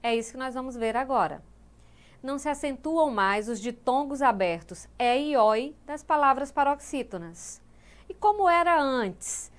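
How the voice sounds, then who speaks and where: A woman's voice: sits high, animated, moderate pace, smooth. A woman teacher giving a grammar lesson, explaining step by step and voicing the students' questions before answering them. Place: studio of an educational channel.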